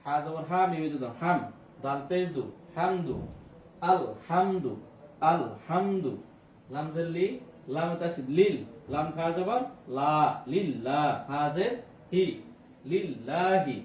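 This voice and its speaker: A man teaching an online Quran reading class. He names each letter and vowel mark, then draws the syllables out into slow recitation. His fairly high voice sounds a little off-mic in an echoey room, over a faint hiss. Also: a little mellow, far from the mic, muffled recording.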